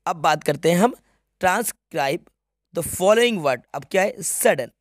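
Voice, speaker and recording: A man's voice: high voice, animated, takes it slowly, no room sound, clean studio sound. A man teaching English grammar, walking through an exam paper step by step and often checking that students follow. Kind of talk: exam paper walkthrough lesson.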